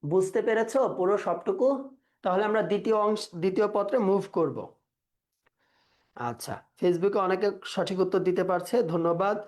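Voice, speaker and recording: A male teacher, running a live online exam-prep class. He quizzes the students and repeats words slowly to drill their pronunciation. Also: high voice, a little mellow.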